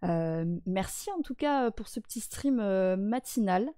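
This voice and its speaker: A woman's voice: mid-range voice, animated, unhurried, mellow, smooth, no echo, clean studio sound. Playful woman hosting a stream. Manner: playful, laughing, many fillers. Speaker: stream host. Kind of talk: casual chat. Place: online voice chat.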